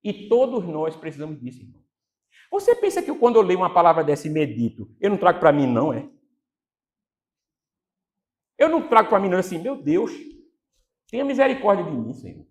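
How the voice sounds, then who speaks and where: A man preaching a sermon as pastor, animated, acting out quotes and putting questions to the congregation. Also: sits high, fast, long pauses.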